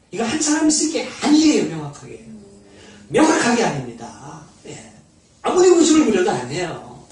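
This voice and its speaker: A man giving an informal Bible study lecture, animated and blunt, sometimes mocking. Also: high voice. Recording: echoey room, mic far off.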